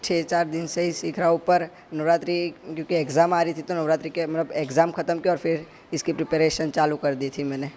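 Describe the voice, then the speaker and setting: Flat-voiced young man, faint noise. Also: a little high, fairly quick, hardly any pauses. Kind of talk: casual interview answers.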